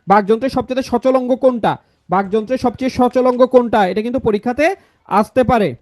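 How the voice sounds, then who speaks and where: A young man teaches an online grammar class for exam prep. His voice sits very high, and the sound is dry and close, with no room echo. He repeats key answers several times and keeps asking the class questions. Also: quick pace, darkish tone.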